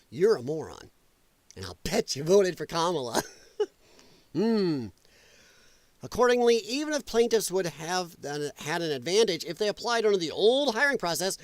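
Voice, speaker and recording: A man with a high voice, recorded with no room sound, hosts a livestream. He reads an article out loud and rants about it with sarcastic, exasperated, and profane asides.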